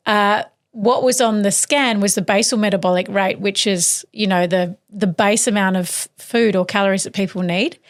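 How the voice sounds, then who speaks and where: A woman's voice: medium pitch, fairly even intonation, normal speed, few pauses. A woman hosting a podcast, talking in a casual, informal interview style and repeating words for emphasis. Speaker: podcast host.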